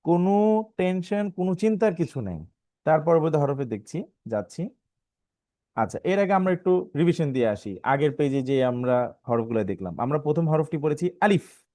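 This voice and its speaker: In a live online class, a man with a Bangladeshi Bengali accent patiently drills Arabic letter sounds, having learners repeat syllables as he stretches some sounds in a half-sung way. His voice is fairly high and mellow, with lively intonation and normal speed. The studio-quality recording has no room sound.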